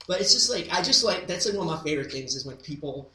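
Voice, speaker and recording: A man's voice: fairly high pitch, lively intonation, fast talker, pushed and bright. A man, a comedian guest, rambling in casual interview chat with lots of filler words. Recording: roomy echo.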